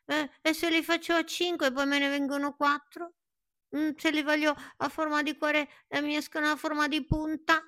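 A woman voicing a shy, tender young tree in a children's story, speaking softly and hesitantly. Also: sits high, no echo, studio quality, pitched above the performer's own voice. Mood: anxious. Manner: soft, hesitant and wondering.

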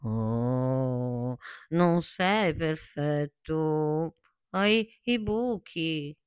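A shy young tree from a storybook, tender and a little anxious, as a woman puts it on. It talks slowly and softly with small hesitations, a bit higher than the narrator, in a dry, close recording. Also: expressive, smooth, no room sound, full character voice. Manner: soft, hesitant and wondering.

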